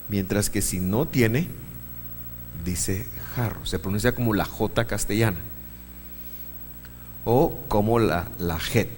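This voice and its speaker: Slow, patient man teaching in a hall. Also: mid-range voice, a little mellow, slight background noise. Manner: patient, explains step by step and quizzes the audience. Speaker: Bible class teacher. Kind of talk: church class lecture. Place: church meeting room.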